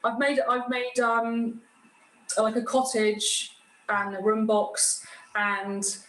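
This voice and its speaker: A woman's voice: a little high, flat delivery, takes it slowly, fairly bright tone. A woman giving an informal hands-on demonstration, explaining each step in a plain-spoken way. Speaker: guest craftsperson demonstrating a cutting machine. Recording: roomy echo with clear background noise.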